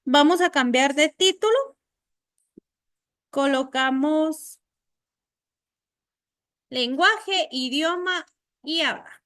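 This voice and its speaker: A woman's voice: high-pitched, drawn-out words, pauses often. A woman teacher lecturing a class, explaining with everyday examples and often checking in with "¿verdad?". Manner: acts out little quoted scenes in lively voices.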